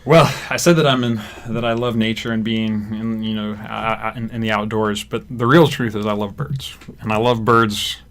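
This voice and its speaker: A man's voice: fairly low pitch, normal speed, few pauses. A young man raised in Africa, a graduate student talking through a casual studio interview with lots of fillers. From Zimbabwe and Kenya. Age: young adult. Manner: relaxed, rambling with fillers. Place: radio studio.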